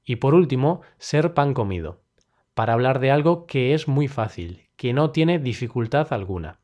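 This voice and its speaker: A man from Spain with a Spanish accent, hosting a daily podcast that teaches Spanish expressions, with clear, measured delivery and a light touch of humor. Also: medium pitch, expressive, darkish tone, lo-fi sound. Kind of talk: scripted explanatory podcast lesson.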